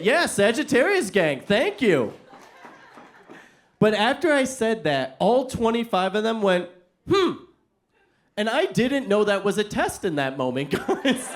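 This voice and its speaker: A young American man performing a stand-up comedy set, telling stories in an animated way and acting out the other people in them. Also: very high-pitched. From United States. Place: comedy venue before a live audience.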